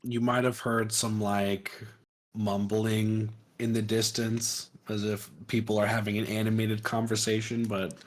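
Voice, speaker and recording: A man narrating as game master of a tabletop game in a calm, matter-of-fact way. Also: fairly low pitch, measured pace.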